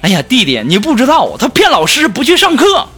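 A woman's voice: on the high side, huge pitch swings, brisk, fairly bright tone, husky, soft background music, voice pushed up, heavily acted. A man voicing an exasperated older sister who complains in an agitated way about her son.

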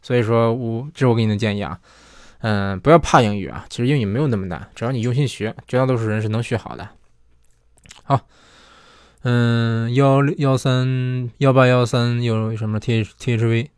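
A man hosting a listener question show, talking in a relaxed, explanatory way. His voice sits at an ordinary middle pitch and is recorded dry and close, with no room sound. He keeps rephrasing and checks that listeners agree. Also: a little fast, clean tone, no room sound. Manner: chatty, rephrases often, asks "对不对" for agreement. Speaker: host answering listener questions. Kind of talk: casual explanatory monologue.

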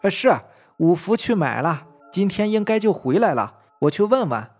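Brief: a man doing a cocky head servant, sneering at juniors, pitched higher than his own voice, audio ghost story. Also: very animated, moderate pace, faint music behind, exaggerated voice. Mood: brash. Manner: mocking, bossy to underlings. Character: bossy servant, fawning to master.

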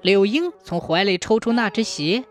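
A woman telling a dramatic folk tale as a storyteller, in an expressive way. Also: normal speed, faint music behind. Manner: expressive, sweeping pitch.

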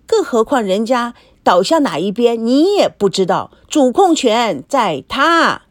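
A woman reading the part of a spoiled, jealous teenage girl who taunts and shouts. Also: high-pitched, big pitch swings, a little slow, no echo, clean studio sound, full character voice. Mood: spiteful. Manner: taunting, sharp-tongued.

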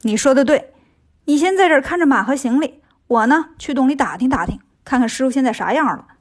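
Cheeky monkey king, played by a woman, brisk, confident storybook hero, high voice. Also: expressive. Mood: cocky. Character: cocky clever monkey king, male.

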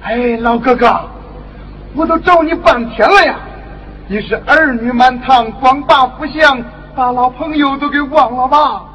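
A man's voice: extremely high pitch, measured pace, bright, forceful tone, muffled recording, a little hiss or hum, full character voice. An actor playing the father's sly, jovial old friend, chatty and teasing, in Henan opera stage acting. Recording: reverberant stage from a distance.

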